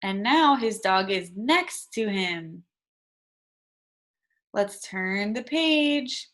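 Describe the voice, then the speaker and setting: A woman teacher reads aloud interactively to young children, using short simple sentences, asking them questions and slowly emphasising key words in an instructional manner. Her mid-range voice is a bit bright, with lively intonation.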